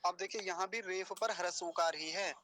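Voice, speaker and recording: Male pronunciation teacher, high-pitched, patient, stretches out each syllable in demonstration. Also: bright, forceful tone, slight background noise. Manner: patient, repeats syllables slowly and deliberately; explains step by step. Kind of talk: pronunciation lesson.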